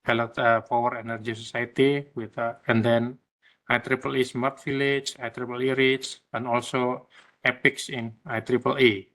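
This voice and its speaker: A man's voice: medium pitch, level tone, normal speed, fairly bright tone. A man from Indonesia, not an English speaker, giving a presentation in a hesitant way, with many fillers and restarts. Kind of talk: online session presentation.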